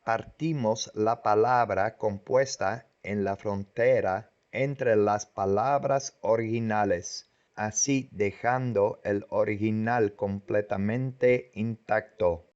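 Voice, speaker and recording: A man's voice: lowish voice, fairly even intonation, slow pace, darkish tone. A man teaching a language lesson from a script, repeating each word several times. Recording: dull lo-fi recording.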